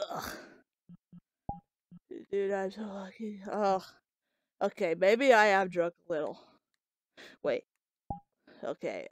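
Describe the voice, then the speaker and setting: A woman's voice: medium pitch, no echo, studio quality, close to an everyday voice. A woman voicing a tipsy, queasy boy who swears and groans defensively in casual voice role-play. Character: tipsy boy with a drunk dad.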